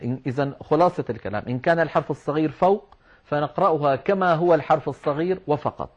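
A man teaching Quran recitation rules, explaining patiently and slowing down to demonstrate words. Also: a little high. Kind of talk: religious lesson on Quran script and recitation. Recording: dull lo-fi recording.

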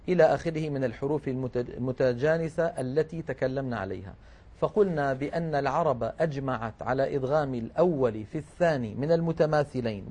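A man's voice: on the high side, a little mellow. A man teaching Quran rules with a raised voice. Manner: explains rules patiently, slows to recite examples. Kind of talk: tajweed lesson.

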